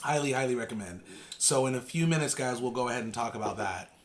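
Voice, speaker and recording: A man's voice: medium pitch, quick pace, slight background noise. A man talks casually to viewers as a vlog co-host while eating, chewing between phrases, informal and repeating himself for emphasis. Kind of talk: casual mukbang chat to viewers.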